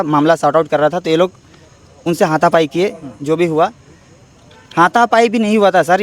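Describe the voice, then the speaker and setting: A young man speaks quickly in a fairly high voice, pressing his side of a dispute. He answers a reporter's handheld mic outdoors in an emphatic, defensive way. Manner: defensive, emphatic, repeatedly says "sir". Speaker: interviewee, ITBP jawan and cricket coach. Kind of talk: street interview.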